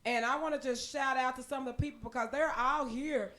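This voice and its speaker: A woman's voice: high-pitched, fairly even intonation, fairly quick. A woman hosting a live radio show in a casual way, greeting viewers by name and setting up songs. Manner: upbeat, shouts out viewers by name.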